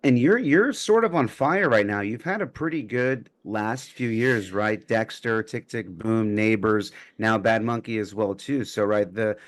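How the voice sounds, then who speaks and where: A man's voice: on the low side, a little slow, few pauses, no echo. A man hosting a podcast interview, upbeat and full of praise, backing his guest with many mm-hmms. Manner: upbeat, complimentary, frequent backchannels. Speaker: podcast host.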